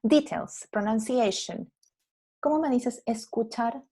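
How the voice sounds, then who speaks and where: A woman's voice: a little high, takes it slowly, warm tone, breathy edge. A woman, an English teacher giving feedback on a video call, correcting and explaining patiently. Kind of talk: online class feedback.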